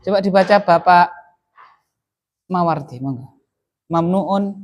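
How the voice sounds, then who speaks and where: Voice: medium pitch, slow. A teacher with a Javanese accent giving a classroom grammar lesson, constantly asking the class short questions and repeating answers. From Central Java, Indonesia.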